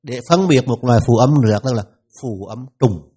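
A man with a Vietnamese accent teaching pronunciation in a classroom lesson, repeating each sound slowly for his students. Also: medium pitch, expressive, dark tone, slightly rough.

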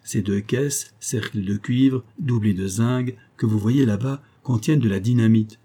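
A man reading the part of a weathered older boatman and former convict, low-voiced, humble and eager to serve. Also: unhurried, mellow, breathy edge. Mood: earnest.

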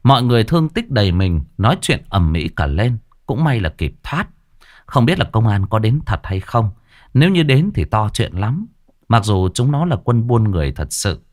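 A man's voice: on the low side, sing-song, moderate pace. A man narrating a ghost story audiobook in a dramatic storytelling manner. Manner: dramatic storytelling, voices the characters.

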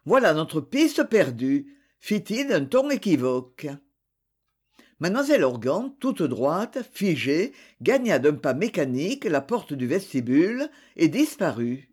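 A narrator reading a classic novel aloud in an expressive storytelling manner. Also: medium pitch, measured pace, slightly rough. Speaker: audiobook narrator.

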